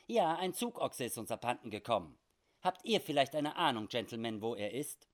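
A man doing a cool hired scout, measured and matter-of-fact. He keeps close to the reader's own voice with a lively, story-telling lilt, in a spoken adventure tale. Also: medium pitch, natural voice. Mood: questioning. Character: calm hired male frontier scout.

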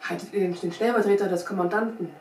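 A puffed-up army captain who bristles and stammers when caught off guard, as a woman acts him out. His voice sits higher and louder than the telling around him. The room is roomy and the mic far off. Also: fairly even intonation, fast, lightly acted. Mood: indignant. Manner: indignant, stammering when startled. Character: pompous, easily flustered male army captain. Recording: roomy sound from a distant mic, faint hiss.

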